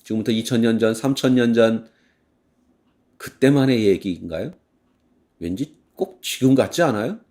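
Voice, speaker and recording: A male pastor giving a sermon in church, animated, acting out heated complaints and now and then singing a hymn slowly. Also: medium pitch.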